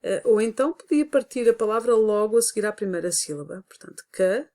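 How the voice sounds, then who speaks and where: A woman with a European Portuguese accent gives a recorded lesson as a teacher. She explains patiently, one point at a time, and pauses often on hesitant fillers. Her voice sits at a middle pitch for a woman. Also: lively intonation, darkish tone.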